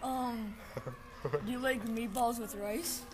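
Slow, hesitant higher-voiced woman. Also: steady tone, slight background noise. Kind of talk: casual chat.

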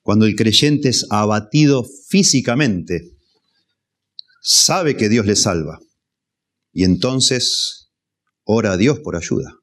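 A man preaching an expository sermon, measured and repeating key phrases for emphasis. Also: on the low side, animated, fairly bright tone. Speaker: pastor.

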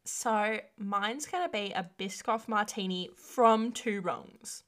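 A woman's voice: mid-range voice, takes it slowly. Giggly woman co-hosting a podcast. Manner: giggly, playful, often laughing. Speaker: podcast co-host. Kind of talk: casual chat.

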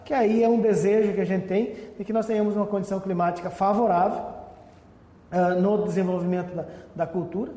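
High-voiced man in echoey room. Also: fairly even intonation, a little fast, dark tone. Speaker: technical director of an agricultural extension agency, interview guest. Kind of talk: explanatory interview answer on farming. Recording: echoey room with long reverb.

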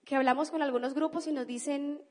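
A Colombian woman with a high, bright-pitched voice delivers a motivational business talk, enthusiastic and emphatic. Her voice carries a long hall reverb, as if she is speaking in a large convention hall. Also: fairly even intonation, fast talker. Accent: Colombian (Cali).

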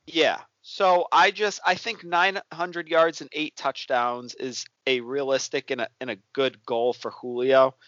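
A man's voice: medium pitch, steady tone, measured pace, few pauses, fairly bright tone, no room sound. Man, self-mocking sports chat, lo-fi. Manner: loose and self-deprecating, many ums. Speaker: sports podcast co-host. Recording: dull lo-fi, dry sound.

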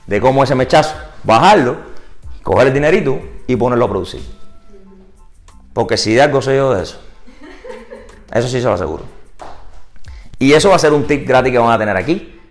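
A man leads a live seminar for real estate agents, talking a little fast with long pauses while faint music plays behind him. He blends English words into his Spanish, poses rhetorical questions, and animatedly swings from high, loud emphasis to low, quiet moments.

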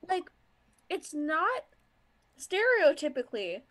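A woman from Michigan's Upper Peninsula co-hosts a casual chat. She has an Upper Midwest accent and a high, bright voice. She says "like" often and laughs easily. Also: sing-song, slow. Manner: frequent "like" fillers, laughs often. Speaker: podcast co-host.

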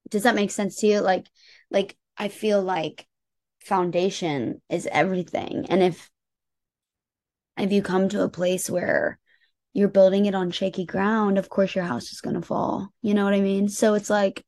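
A woman's voice: medium pitch, fairly even intonation, measured pace, a little mellow. A woman with an American accent talking casually and earnestly as an interview guest, reflective, often dropping in "like" and "you know". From United States. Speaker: interview guest, singer-songwriter.

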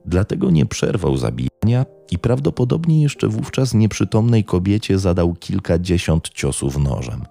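A man tells a true-crime story in a grave, measured narration. His voice is extremely deep and gravelly, dark in tone, yet moves a lot in pitch. Faint music plays beneath him. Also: very animated. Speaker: podcast narrator.

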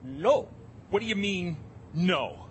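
A man's voice: high-pitched, expressive, slow pace, faint music behind. An actor playing a callous, childish male robber with a whiny, hot-tempered manner. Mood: angry, petulant.

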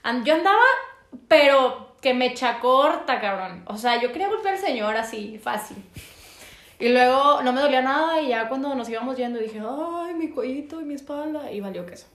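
A young woman telling stories in a casual, slangy, animated way as podcast co-host. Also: high voice, moderate pace. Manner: animated, slangy, acts out quotes. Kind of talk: casual storytelling chat. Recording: echoey room.

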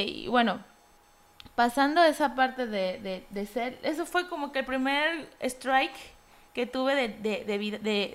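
A young woman with a Mexican accent talking candidly about her life in a casual monologue, chatty and full of fillers and mock quotes. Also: a little high. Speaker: design graduate.

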